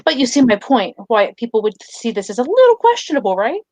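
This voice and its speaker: High-voiced woman playing a tabletop character. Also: very animated, darkish tone, slight background noise. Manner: halting, many restarts and fillers, switching between narrating and speaking in character. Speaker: player in a tabletop role-play. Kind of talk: in-character tabletop role-play chat.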